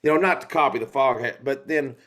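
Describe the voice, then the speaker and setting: A man's voice: medium pitch, fast, a bit bright. A man, a guest singer-songwriter, talking in a loose, rambling storytelling way with fillers and asides. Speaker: guest musician. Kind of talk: live singing and casual interview chat.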